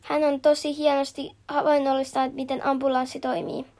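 Nainen lukemassa iloinen päiväkodin eläinopettaja. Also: female voice, high-pitched, flat delivery, a little mellow. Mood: cheerful. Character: kindly female animal nursery teacher.

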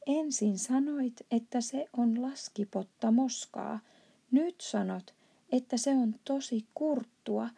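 A woman's voice: a little high, creaky, mellow, husky, voice pushed up. Sophie, as a woman reads her, polite and curious. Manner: polite and questioning. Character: polite, curious little orphan girl.

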